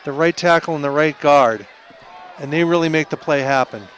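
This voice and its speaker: A man giving color commentary at a local high school football game, talking through the blocking in a chatty way and correcting himself. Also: normal speed, a bit bright. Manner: chatty analysis with self-corrections and light laughs. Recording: outdoor stadium with crowd and noise. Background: crowd and field noise.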